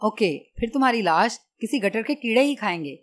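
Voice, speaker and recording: A woman's voice: fairly high pitch, expressive, normal speed, close to an everyday voice. A woman reading the lines of a cold, ruthless male secret agent in an audiobook, giving clipped, icy commands.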